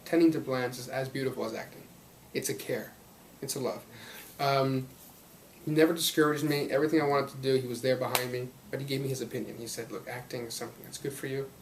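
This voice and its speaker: Speaking fast with a steady, medium-pitched tone, this twenties actor from Belgium and Los Angeles rambles cheerfully through a casual interview about his career, laughing a lot. He was raised partly in Belgium. The recording is rough, with a little hiss or hum.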